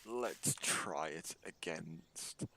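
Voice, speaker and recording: A man's voice: deep voice, expressive, drawn-out words, noisy background. A man giving casual, sarcastic, mock-boastful commentary over his own gameplay. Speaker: gaming YouTuber.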